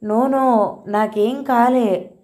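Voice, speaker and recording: A woman's voice: fairly high pitch, steady tone, very slow, darkish tone, voice pushed up. A woman voicing an earnest, tearful young schoolboy talking to his grandmother in an audio story, in a raised childlike voice mixed with English words.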